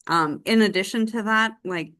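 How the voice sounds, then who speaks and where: A woman's voice: mid-range voice, moderate pace, a bit bright. A woman running a real estate training session on a call, chatty and encouraging, full of "like" and "um". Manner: chatty, filler-heavy, encouraging. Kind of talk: live group training session. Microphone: online call.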